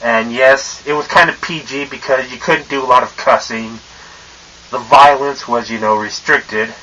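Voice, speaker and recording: A man's voice: mid-range voice, steady tone, normal speed, bright, forceful tone. A young man in a casual, profane vlog rant, his voice muffled by a mask he wears, rambling with lots of fillers and tongue-tied stumbles. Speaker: vlogger.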